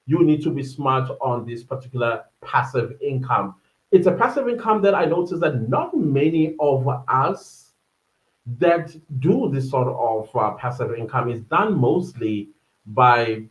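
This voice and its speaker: A South African man in his thirties hosts a solo podcast, drifting between points and reaching for words with plenty of ums and uhs. His voice sits at an ordinary middle pitch. The sound is roomy and a little muffled. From South Africa, Durban. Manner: rambling, searching for words with many fillers. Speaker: podcast host. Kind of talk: casual solo podcast monologue.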